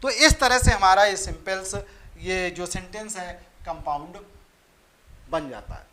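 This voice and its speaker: An Indian man teaches English grammar in a fairly high, bright voice. He moves through his examples very slowly and repeats each phrase as he writes it out. The explanation is in a patient classroom style.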